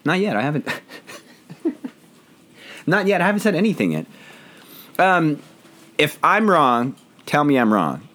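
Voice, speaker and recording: A hoarse man hosting a casual podcast from home, joking and rambling in a self-deprecating way. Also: fairly high pitch, very animated, normal speed, long pauses, fairly bright tone. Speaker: podcast host. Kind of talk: casual chat.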